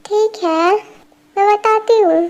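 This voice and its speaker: A woman voicing a stubborn, sulky little girl in an amateur fan dub, with a slow, pouty, childish way of talking. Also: very high voice, dull audio, background noise, exaggerated voice. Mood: pleading.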